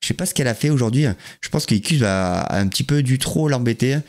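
A man streams a horror game live, joking around with viewers in a lively way and greeting each one individually. He speaks quickly in a mid-range voice.

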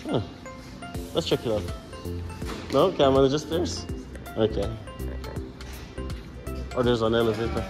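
A man with a Jamaican accent, a father who makes family vlogs, chats casually while walking a small airport terminal indoors, his relaxed narration aimed at the camera. His mid-range voice is a little slow and pauses often, over background music, in this casual walkthrough.

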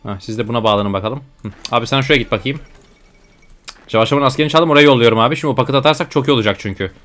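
Brief: rapid-fire young male gamer, mid-pitched, chatty and grumbling. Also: a bit bright. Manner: exasperated, grumbling at the game, slangy. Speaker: gaming YouTuber. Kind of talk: casual let's-play commentary.

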